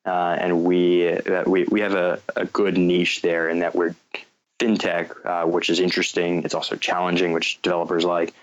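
A fintech company founder from North Carolina, United States, answers interview questions about his business in a low American voice. He speaks very evenly and deliberately, restarting hesitantly as he explains, and the dull, slightly lo-fi sound resembles a call.

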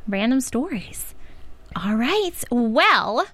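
A woman's voice: on the high side, very animated, very slow, fairly bright tone, no room sound. A woman co-hosting a casual TV recap show, chatty and upbeat, laughing often. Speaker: show co-host.

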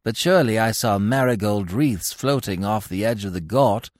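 A man voicing a solemn male adjutant stork who speaks gravely. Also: lowish voice, normal speed, no room sound, studio quality, close to an everyday voice.

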